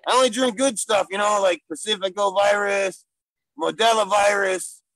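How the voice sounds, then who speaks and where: A man voicing a gruff, silly male gorilla who wants to be a stand-up comic, talking in broken English with loud bursts. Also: high-pitched, steady tone, moderate pace, dry recording, low-quality recording. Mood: boastful. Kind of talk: improvised comedy character interview.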